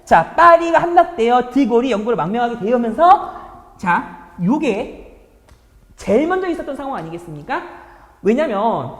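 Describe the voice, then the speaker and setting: Lively woman teacher in an echoey room. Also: a little high, moderate pace. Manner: chatty, rhetorical questions to students. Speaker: high school history teacher. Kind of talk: exam problem walkthrough lecture.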